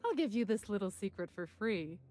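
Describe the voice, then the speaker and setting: A woman's voice: medium pitch, very animated, a little fast, a little mellow, dry recording, close to an everyday voice. An actress voicing a sly, discreet woman who runs a secret venue in a game, talking in a coy, conspiratorial, dryly smug way. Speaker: game character, gallery receptionist.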